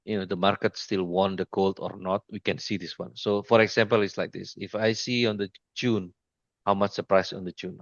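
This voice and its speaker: A man giving an informal screen-share trading lesson, speaking haltingly with many restarts and repeated pointers to the chart. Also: fairly low pitch, no echo, muffled recording. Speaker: trading mentor.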